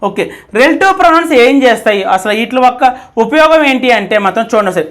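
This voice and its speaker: A teacher giving a spoken grammar lesson who repeats key points, asks rhetorical questions and dictates example sentences slowly. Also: mid-range voice, lively intonation, a bit bright.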